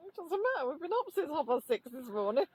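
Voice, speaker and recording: A woman's voice: high voice, very animated, fast, a little mellow. A tired British woman making dry remarks in a casual camping vlog. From United Kingdom. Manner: dry, sleepy quips. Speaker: vlogger's partner. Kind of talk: casual chat. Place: inside a tent.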